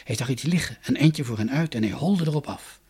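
A man reading a fairy tale aloud, with calm, soft storybook narration. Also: medium pitch, brisk, husky.

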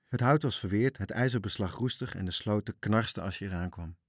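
Man, storybook narrator, expressive, low voice, dry close recording. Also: fairly quick, no room sound. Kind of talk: storybook reading.

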